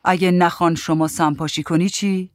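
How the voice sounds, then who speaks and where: Narrator playing a flustered young guy, storybook, hurried. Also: on the high side, steady tone, dry recording, clean studio sound, natural voice. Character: flustered young adult man, Vahid.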